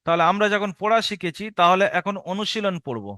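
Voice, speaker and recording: A man teaching a recorded Quran reading lesson for adults, slowly drawing out each spelled syllable, then explaining at a steady pace. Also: high-pitched, no room sound, studio quality. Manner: slow drawn-out syllable-by-syllable spelling drills alternating with steady explanation.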